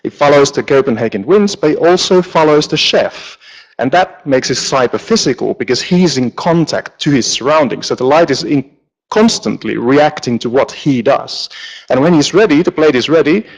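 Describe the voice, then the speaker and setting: A man from Finland, a lighting designer giving a relaxed, joking conference talk with many ums, on stage in a large auditorium. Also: fairly high pitch, moderate pace, husky, rough recording. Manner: relaxed, joking, with frequent fillers. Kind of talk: conference presentation.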